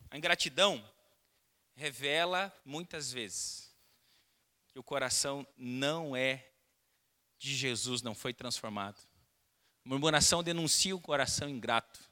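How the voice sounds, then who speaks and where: A pastor preaching a sermon, asking the congregation direct questions and telling stories with quoted voices. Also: male voice, mid-range voice, unhurried, long pauses. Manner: animated storytelling with quoted voices. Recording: long hall reverb.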